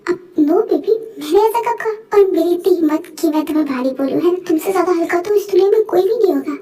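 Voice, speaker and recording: A woman voicing a gentle, reassuring young man in a fan voice-over drama. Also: very high voice, fast talker, recorded from a distance, faint music behind. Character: sweet-talking young boyfriend.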